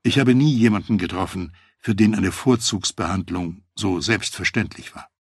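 A man reading a first-person memoir aloud, telling the story in a measured, reflective way. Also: low-pitched, gravelly, breathy edge, no echo, clean studio sound. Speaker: audiobook narrator.

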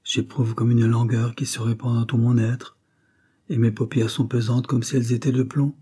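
A man voicing a terrified male bandit captain who begs and cries out, frantic and rising in pitch. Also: flat delivery, normal speed, dark tone, breathy edge, natural voice. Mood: drowsy dread.

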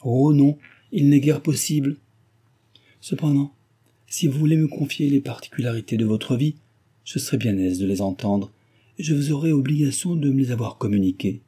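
A man voicing a young, distressed heiress who speaks earnestly and gently, as a character in an audiobook. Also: mid-range voice, normal speed, slightly rough, voice pushed up, lightly acted. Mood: earnest pleading. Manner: earnest, pleading.

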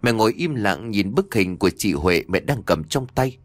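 A man narrating an audio story in an expressive storytelling manner. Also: lowish voice, normal speed, no echo. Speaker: audiobook reader.

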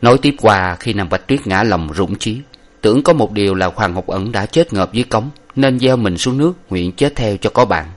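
A man reading an old novel aloud in a measured, steady way. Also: lowish voice. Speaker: narrator.

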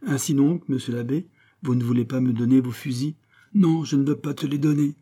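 A man's voice: mid-range voice, steady tone, fairly quick, dark tone, pitched above the performer's own voice, lightly acted. A man voicing a naive, sly young village man who pleads in a mock-polite, wheedling way. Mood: pleading.

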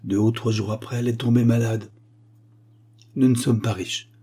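A man reading as a grieving gentle schoolteacher. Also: medium pitch, steady tone, moderate pace, breathy edge. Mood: sorrowful. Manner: soft, sorrowful pleading.

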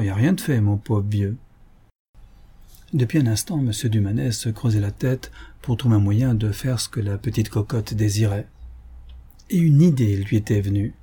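A man narrating a novel in a measured, storytelling reading. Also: on the low side, warm tone, slightly rough. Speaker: audiobook narrator. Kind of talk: literary audiobook narration.

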